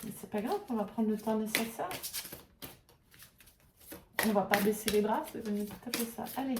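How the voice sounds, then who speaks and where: A woman's voice: mid-range voice, steady tone, normal speed, background noise. A woman giving an intuitive tarot and oracle reading, speaking hesitantly and searching for words with many fillers. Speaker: tarot and oracle card reader. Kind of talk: intuitive card reading to camera. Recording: roomy echo, voice a little far from the mic.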